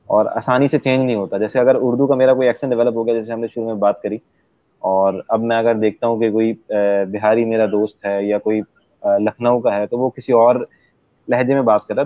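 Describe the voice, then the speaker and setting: A young English teacher, guesting on a relaxed interview, patiently explains his English course with many "uh" pauses and fillers. His voice is medium-pitched, and the recording is dry and tinny, like a phone line.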